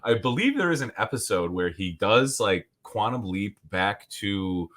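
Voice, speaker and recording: A low-voiced man co-hosting a podcast in loose, joking chat. His pitch swings widely as he gets excited, and he laughs often between quick asides. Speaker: podcast co-host. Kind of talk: casual chat.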